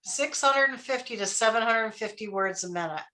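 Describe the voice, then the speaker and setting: A woman's voice: on the high side, normal speed, pushed and bright. A woman leadership coach giving a live workshop, talking conversationally, quizzing her audience and checking in with "right?" and "okay?".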